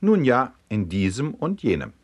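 A man's voice: mid-range voice, huge pitch swings, normal speed, voice pushed up. A man voicing a cheeky, evasive male vagrant who dodges a judge's questions with a grin. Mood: sly.

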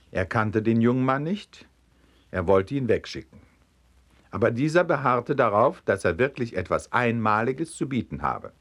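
A man reading humorous anecdotes aloud in a lively storytelling manner. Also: fairly low pitch. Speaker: narrator.

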